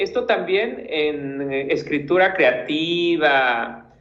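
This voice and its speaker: A man's voice: on the high side, echoey room, highs cut off. A man teaching a class, patiently giving feedback to students by name and restarting his sentences as he thinks. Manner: patient, encouraging, gives corrections by name.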